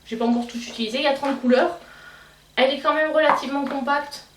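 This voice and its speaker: A young Belgian woman with a Belgian French accent, chatting casually as a beauty vlogger and pausing often with fillers and restarts. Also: high voice, steady tone, fairly bright tone. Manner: hesitant, many fillers and restarts. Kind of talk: casual chat. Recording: roomy, slightly distant mic, faint noise.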